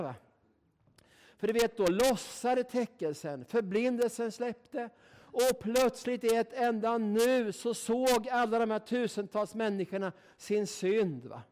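A man preaching with a noticeably high voice. He talks in a folksy, emphatic way, driving his points home and checking in with the listeners with a quick "right?" at the end of his sentences. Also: a little mellow. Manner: folksy, emphatic, keeps asking "va?". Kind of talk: sermon.

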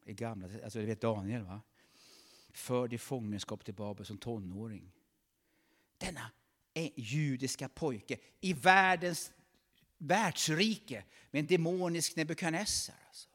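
A man's voice: mid-range voice, a bit bright. A man preaching a fervent sermon in a church, calling out praises between his points. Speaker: pastor.

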